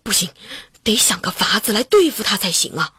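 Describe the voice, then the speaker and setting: A woman voicing a clever, stubborn male fisherman in a storybook, with a husky, lowered voice and a wary, determined manner. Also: sing-song, fairly quick, pushed and bright, no room sound, studio quality, full character voice. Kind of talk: storybook character voice.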